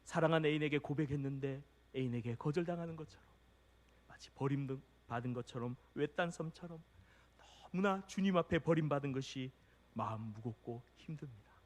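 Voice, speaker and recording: Impassioned high-voiced male preacher. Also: brisk, long reverb tail. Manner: impassioned preaching, swings between hushed and loud. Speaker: pastor. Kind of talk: sermon.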